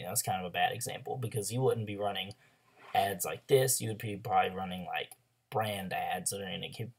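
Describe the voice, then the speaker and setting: A young man with a lowish voice runs a screen-share tutorial as an online ads coach. He's hoarse because of a throat illness. His delivery is loose and chatty, filled with ums and likes.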